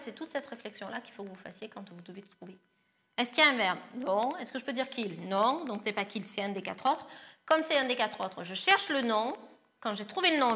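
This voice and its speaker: A woman's voice: a little high, pushed and bright. A woman who teaches primary school, patiently walking young pupils through a grammar lesson step by step. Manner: patient, explains step by step, calls pupils "les loulous".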